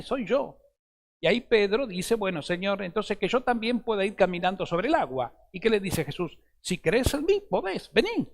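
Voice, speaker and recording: A man with a Rioplatense Spanish accent, a priest giving an earnest sermon in short phrases that drop soft for intimate passages. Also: sits high.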